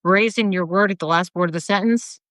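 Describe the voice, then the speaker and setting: A woman in casual chat, explaining slowly with many restarts and fillers. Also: on the low side, a bit bright, dry recording. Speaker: co-host.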